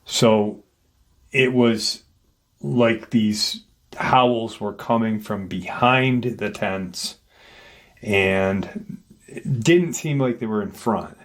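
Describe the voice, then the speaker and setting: A man with a lowish voice retells an eerie encounter account at an unhurried, drawn-out pace. He talks it through loosely, with fillers and small restarts as he goes. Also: fairly bright tone. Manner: unscripted, with frequent fillers and restarts. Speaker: paranormal story narrator.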